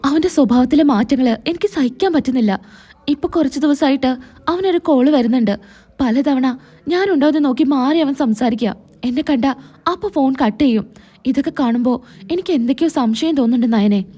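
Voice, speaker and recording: A wounded young wife, read by a woman, pleading and reproachful, high and mellow. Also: brisk, breathy edge. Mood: sorrowful.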